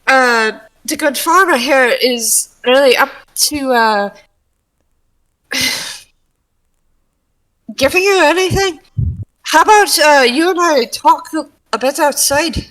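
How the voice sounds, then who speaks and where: A woman playing her character in a tabletop game, hesitant and polite, with many pauses and "uh"s. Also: high-pitched, pushed and bright, poor audio. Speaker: player. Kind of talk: in-character tabletop role-play.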